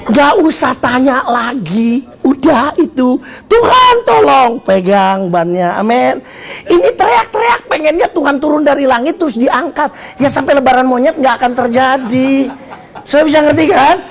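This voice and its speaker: A man preaching a joking, animated sermon as pastor at a church service, shouting at times. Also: very high voice, moderate pace, creaky. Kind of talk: lively sermon.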